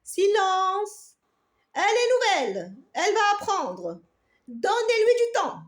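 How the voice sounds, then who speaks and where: A woman voicing a wise talking fridge in a children's story, firm but gentle and commanding. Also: extremely high pitch, wildly swooping pitch, takes it slowly, reverberant, voice pushed up, exaggerated voice.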